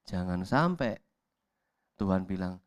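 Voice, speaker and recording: Pastor with a lilt. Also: male voice, low voice, animated, takes it slowly, no room sound. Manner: acts out voices in quotes, swings from loud shouts to whispers. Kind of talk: sermon. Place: church hall.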